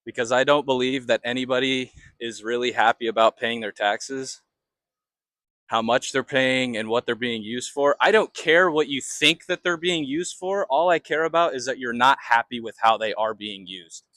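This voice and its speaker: Man, American accent, medium pitch, casual street interview, halting, repetitive, dry acoustics. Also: sharp tone, no room sound. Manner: rambling, halting, repeats phrases. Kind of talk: casual, unscripted street talk.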